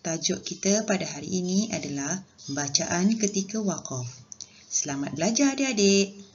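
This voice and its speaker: A woman teaching Islamic studies to young pupils, measured and patient, slowing down to recite Arabic examples. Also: on the low side, animated. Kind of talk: recorded lesson for young pupils. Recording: dull lo-fi audio with faint noise.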